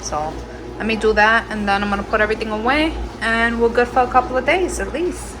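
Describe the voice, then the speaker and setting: A woman's voice: fairly high pitch, fairly quick. A middle-aged woman chatting casually as she cooks in a home kitchen, explaining things in a rambling way, with machine noise from a dishwasher behind her. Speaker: home cooking vlogger. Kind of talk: casual chat while cooking. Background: running dishwasher noise.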